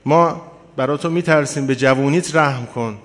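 A preacher voicing pleading orphan boys. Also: male voice, medium pitch, close to an everyday voice. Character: two pleading orphan boys, pious and frightened. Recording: long hall reverb.

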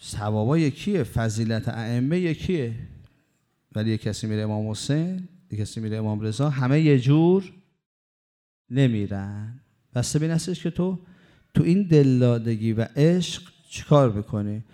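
Man preaching in a chatty storytelling way, mid pitch, dark mellow voice. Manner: conversational, lively storytelling with laughs. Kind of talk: storytelling sermon.

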